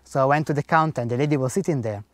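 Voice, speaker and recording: A man whose first language isn't English earnestly shares a personal faith testimony, acting out the dialogue in simple grammar. His mid-range voice comes rapid-fire in a dry recording.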